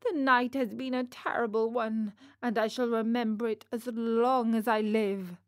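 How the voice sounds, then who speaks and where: A woman's voice: fairly high pitch, a little slow, natural voice. A woman doing a whiny wooden puppet boy. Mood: pleading. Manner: whiny, pleading, excitable.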